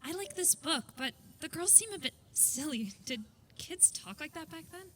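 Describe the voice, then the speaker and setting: A woman playing Jennifer, a bright curious girl. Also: high-pitched, animated. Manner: eager, questioning, quick. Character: bright curious nine-year-old girl. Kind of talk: staged concert reading of a musical.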